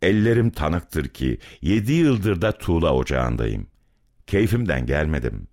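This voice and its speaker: A man's voice: a bass voice, very animated, measured pace, a little mellow, exaggerated voice. A man voicing a bitter, angry young brick-kiln worker who is far from home, in a dramatic story reading. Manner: bitter, accusing, heated.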